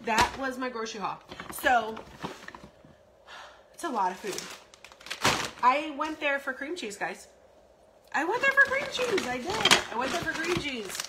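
Chatty woman in a noisy kitchen. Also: fairly high pitch. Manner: chatty, rambling, with frequent ums and self-repeats. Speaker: vlogger. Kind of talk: casual grocery haul vlog. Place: home kitchen, indoors. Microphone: phone camera at arm's length.

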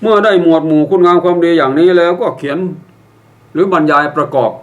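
A man's voice: on the high side, fast talker, muffled recording. An older man teaching how to write and read a eulogy, explaining step by step with wry examples and polite phrasing. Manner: polite, ends phrases with a courteous particle. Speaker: public speaking instructor. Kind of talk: instructional talk.

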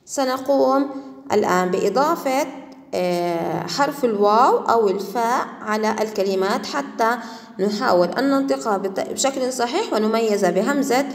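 A woman teacher giving a patient grammar lesson, repeating words slowly and praising her pupils often. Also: on the high side. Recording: echoey room with long reverb.

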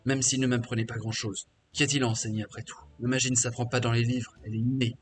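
A man's voice: mid-range voice, flat delivery, quick pace, natural voice. A man voicing a bitter, defiant male half-orc warrior mage who was once a slave, reading crude, scornful game dialogue aloud over faint game music.

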